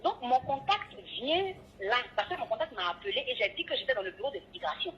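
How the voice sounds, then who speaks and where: Over a tinny phone line, a woman who presents on radio and TV recounts an ordeal in an interview, acting out every voice in the dialogue with a lively retelling. Her voice is high-pitched and fast, with a little hiss or hum in the background.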